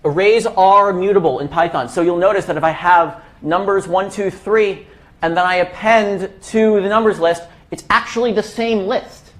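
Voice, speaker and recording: A man's voice: sits high, moderate pace, a bit bright. A young man giving a casual classroom coding lesson, full of fillers and restarts. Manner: casual, many fillers and self-corrections. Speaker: workshop instructor. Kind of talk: live coding lecture.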